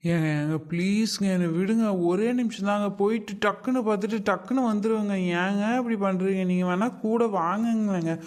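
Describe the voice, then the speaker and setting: A woman's voice: medium pitch, a little fast, few pauses, a little mellow, faint music behind, close to an everyday voice. A woman voicing a young wife in a comedy cartoon, pleading and wheedling to be allowed out. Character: pleading young wife eager for the temple fest.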